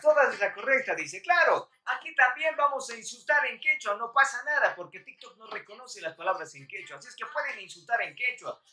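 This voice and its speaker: A woman with a higher voice leads a live Quechua lesson and quiz, calling out to her viewers in a lively way. She sounds set back from the mic in an echoey room, with faint music underneath. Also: recorded from a distance. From Bolivia. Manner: lively, calls out to viewers, counts down. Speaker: Quechua teacher on a live stream.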